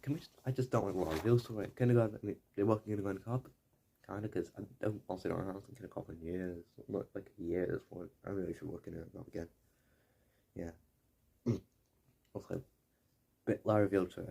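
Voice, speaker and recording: Low, mellow young man rambling. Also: vocal fry. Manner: digressive, self-correcting, mildly profane. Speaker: video essayist. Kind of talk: rambling casual commentary. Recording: faint background noise.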